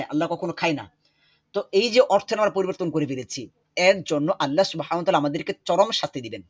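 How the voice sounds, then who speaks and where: Teaching Quran pronunciation over a video call, this fairly high-pitched man takes things slowly, explaining carefully and going over words repeatedly as a drill.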